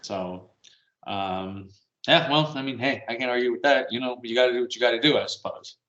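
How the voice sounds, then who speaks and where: A podcast co-host with a mid-range, slightly bright voice talks fairly quickly from home, rambling and meandering with little chuckles. The recording has a roomy echo and the highs are cut off.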